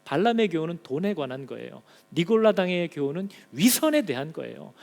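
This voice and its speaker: A male pastor preaching a Sunday sermon in a church, acting out God's words in lively direct speech. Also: a little high, brisk, vocal fry, in a large hall. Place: church in Auckland.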